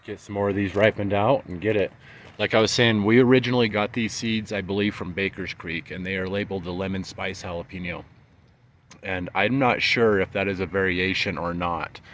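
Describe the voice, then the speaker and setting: A man with a very low voice chats loosely about his garden, drifting through thoughts with plenty of ums. The recording carries a steady background noise throughout. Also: fairly quick. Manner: easygoing, rambling, many fillers. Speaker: home gardener reviewing peppers. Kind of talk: casual tasting vlog. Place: home and backyard garden.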